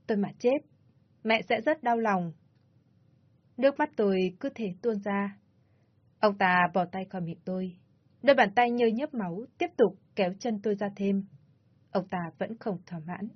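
A woman narrating a first-person story in a soft, subdued storytelling manner. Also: medium pitch, husky. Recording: slightly dull lo-fi audio.

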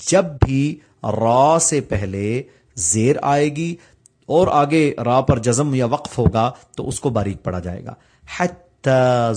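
A man teaching tajweed, explaining the rules plainly and reciting the examples slowly. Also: medium pitch, darkish tone, husky.

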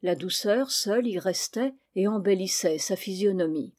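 A woman narrating a classic novel as an audiobook, with measured, clear phrasing. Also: mid-range voice, darkish tone. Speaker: audiobook reader.

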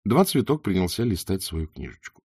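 Husky, expressive male narrator. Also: low-pitched, moderate pace, no room sound, studio quality. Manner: expressive storytelling. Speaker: audiobook narrator. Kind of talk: scripted narration.

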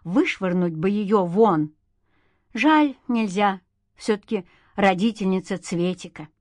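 Woman reading an audiobook, even mid voice, super dry studio mic. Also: medium pitch, takes it slowly, dry recording. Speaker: audiobook narrator. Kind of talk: scripted novel narration.

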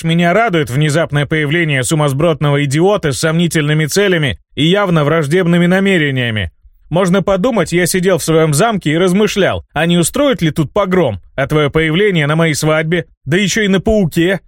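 A defiant young baron shouts back at his old mentor in a raised, heated voice, voiced by a male audiobook reader. His retorts are cutting and sarcastic, caught close and dry with no room sound. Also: fairly high pitch, brisk, dry recording, pitched above the performer's own voice, lightly acted. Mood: furious. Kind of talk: audiobook character voice.

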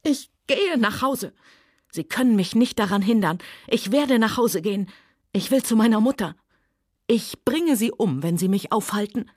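A woman reading a novel aloud, voicing a desperate, headstrong young Southern woman who pleads in a high, tearful voice that breaks into screams. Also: animated, a little slow, slightly rough, dry recording, clean studio sound. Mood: hysterical. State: tearful, hysterical.

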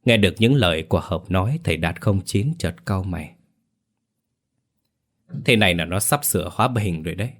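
A man's voice: deep voice, lively intonation, a little fast, pauses often. A man narrating a horror folk tale in a dramatic, vivid way. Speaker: storyteller.

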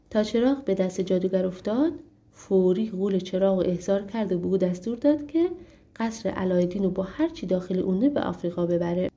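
A woman narrating a storybook audiobook in a steady, expressive way. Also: medium pitch.

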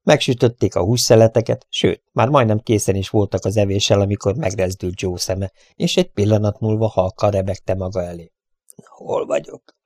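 A man narrating an adventure story in a steady, measured reading voice. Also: fairly low pitch, dry recording, clean studio sound. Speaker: audiobook reader.

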